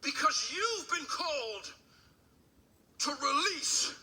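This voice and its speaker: A pastor preaching a sermon into a pulpit microphone in a church, moving from a hushed story to shouted preaching. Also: male voice, very high voice, sing-song, slow pace. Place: church sanctuary.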